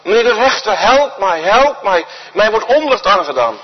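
A woman's voice: medium pitch, very animated, normal speed, husky, voice pushed up. Een aandringende weduwe die blijft smeken, zoals een man haar in een preek naspeelt. Haar stem is schor en beweeglijk en klinkt gedempt, met veel nagalm. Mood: pleading. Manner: begging, repeating herself. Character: pleading persistent widow at a judge's door. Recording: dull recording with long church reverb.

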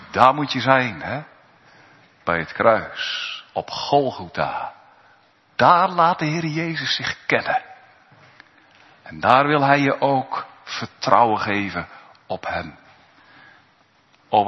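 A man preaching a sermon in earnest, rising to high cries and then dropping to hushed tones. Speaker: pastor. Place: church. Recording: dull lo-fi church recording with long reverb.

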